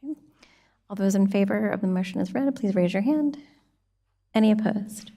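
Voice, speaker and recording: A woman's voice: medium pitch, normal speed, mellow. A woman chairing a town board meeting, calling items and votes in formal procedural language.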